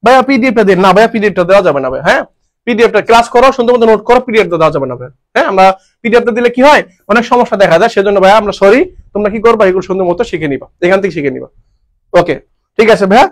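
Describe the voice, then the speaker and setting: Quick high-voiced male tutor. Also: animated. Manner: repetitive, asks and answers his own questions; jokey, homely dialect forms. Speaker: teacher. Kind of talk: online grammar lesson.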